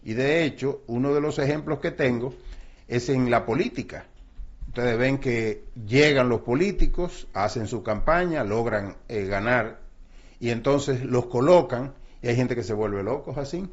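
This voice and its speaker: An older man talks through personal finance like he's telling stories, slipping into little acted-out quotes and pausing on fillers. His voice sits at a middle pitch. The recording is dull and lo-fi. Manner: storytelling, acts out quotes, frequent fillers. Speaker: guest speaker on finance. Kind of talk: casual explanatory talk. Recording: dull lo-fi sound.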